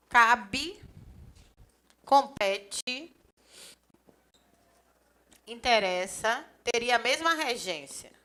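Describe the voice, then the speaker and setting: A grammar teacher, giving a lively classroom lecture. She chats with students and acts out little dialogues. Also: on the high side. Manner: lively, chatty, acts out little dialogues, often points things out with "ó". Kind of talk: live classroom lecture for a civil service exam course.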